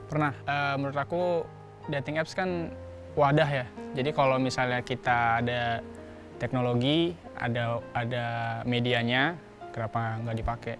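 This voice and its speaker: A man's voice: mid-range voice, level tone, measured pace, pauses often, music in the background. Young man, easygoing and rambling. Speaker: panel guest. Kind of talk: casual discussion.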